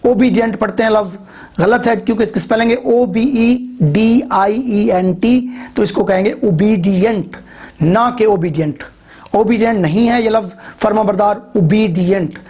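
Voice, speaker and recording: A middle-aged man teaching English pronunciation in a video lecture, slowly spelling out words letter by letter with frequent hesitant fillers. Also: high-pitched, a little mellow.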